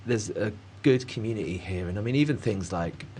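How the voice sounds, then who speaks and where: A man's voice: on the low side, animated, brisk, a little mellow, slight background noise. A man talking in a casual conversation, rambling and hesitant with many fillers and frequent laughs. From Cornwall, England. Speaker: artist guest.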